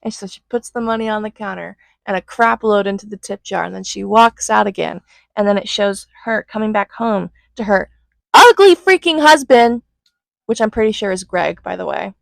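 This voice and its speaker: A young woman recapping a movie in casual, flippant commentary, acting out lines in quick put-on voices. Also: medium pitch, steady tone, gravelly, no room sound, rough recording. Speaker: movie reviewer.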